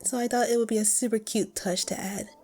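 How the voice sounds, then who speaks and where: A woman's voice: fairly high pitch, steady tone, a little fast, darkish tone, husky. A young woman giving a chatty, candid voice-over about her game build, often laughing. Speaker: Sims build creator.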